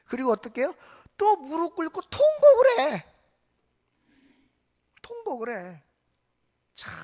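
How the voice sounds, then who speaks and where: A woman pastor preaching a sermon with lively, swooping pitch and a fairly high voice. She tells stories and keeps turning to the congregation with questions. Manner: animated storytelling that asks the congregation questions.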